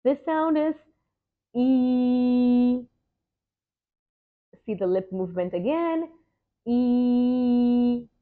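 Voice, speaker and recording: Slow woman tutor, tinny sound. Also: high voice, animated. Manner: slow, drawn-out modelling of sounds and words, repeated twice. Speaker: reading tutor. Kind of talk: phonics lesson mixing Hindi and English.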